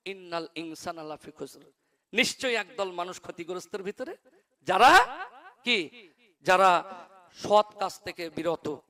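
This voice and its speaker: Male preacher, high and sharp-toned, fervent storytelling sermon with drawn-out Arabic chanting. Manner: dramatic storytelling, swinging from hushed to loud and declaiming. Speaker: Islamic preacher. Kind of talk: fervent Islamic sermon to a live crowd.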